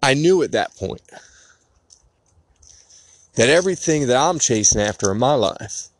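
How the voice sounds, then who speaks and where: A man's voice: mid-range voice, animated, measured pace. A man in his thirties hosting a podcast, telling a personal story in an earnest, emotional, rambling way. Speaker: podcast host.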